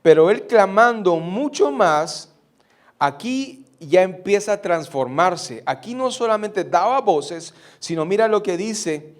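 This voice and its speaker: A man's voice: sits high, animated, takes it slowly. A middle-aged man preaching a sermon, putting rhetorical questions to his congregation. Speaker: pastor.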